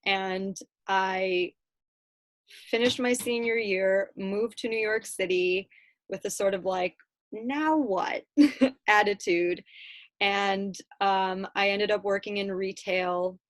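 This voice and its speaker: A woman in her thirties from Chicago telling her life story in a relaxed, chatty way, with frequent ums and little laughs. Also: medium pitch, slow pace, dry recording. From Chicago, United States. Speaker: guest speaker. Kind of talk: casual personal storytelling.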